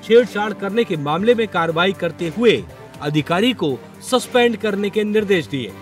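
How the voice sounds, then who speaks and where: A man's voice: sits high, animated, normal speed, faint music behind. A man reading a scripted news report in a formal, reportorial way.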